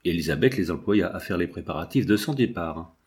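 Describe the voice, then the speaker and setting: A man reading a classic novel aloud in measured literary narration. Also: sits low, animated, darkish tone.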